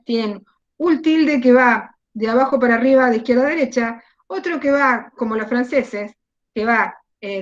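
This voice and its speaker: A woman teacher with an Argentine Spanish accent giving an online class, asking questions and repeating key words. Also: fairly high pitch. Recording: dull lo-fi video call audio.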